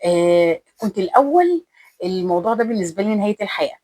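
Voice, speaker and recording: A woman's voice: mid-range voice, very animated, fast talker, mellow. A woman in her thirties with an Egyptian accent, earnestly giving advice to women viewers in a casual vlog. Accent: Egyptian Arabic. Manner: earnest, repetitive, speaks straight to the listener. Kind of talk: casual motivational talk to the viewer.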